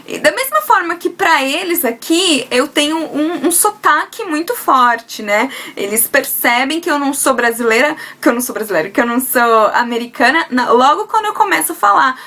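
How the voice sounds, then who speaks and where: A woman's voice: high-pitched, bright, forceful tone. A young Brazilian woman with a Brazilian Portuguese accent, chatting casually to her viewers in a vlog, with frequent fillers and self-corrections. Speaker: vlogger.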